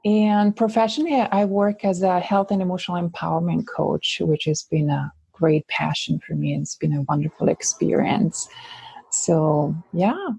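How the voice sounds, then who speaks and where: A woman's voice: lowish voice, fairly even intonation, moderate pace, gravelly, dark tone, slightly rough, no room sound. A woman from Switzerland with a Swiss Italian accent, a guest coach in an interview, talking thoughtfully with many fillers and restarts. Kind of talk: interview conversation.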